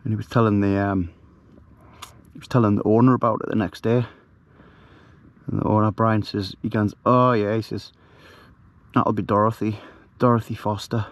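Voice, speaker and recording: Hushed man telling a ghost story. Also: lowish voice, flat delivery, moderate pace, long pauses, no room sound. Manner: hushed, rambling, with many fillers. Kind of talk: casual storytelling to camera. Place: outdoors at night, camping.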